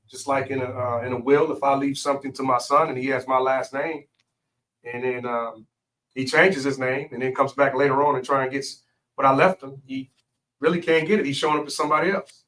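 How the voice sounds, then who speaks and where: A man's voice: fairly high pitch, fairly bright tone, recorded from a distance, low-quality recording. Emphatic man lecturing from off-mic. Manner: emphatic, lecturing, spells out words letter by letter. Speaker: guest. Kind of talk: casual studio interview.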